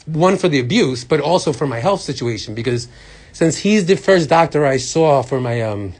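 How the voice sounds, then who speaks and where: A man's voice: a little high, expressive, moderate pace, a little mellow. Man, hesitant, lots of ums and restarts, earnest and insistent, medical office front desk, phone recording. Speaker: patient confronting office staff. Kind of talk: tense in-person complaint. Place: medical office reception, indoors.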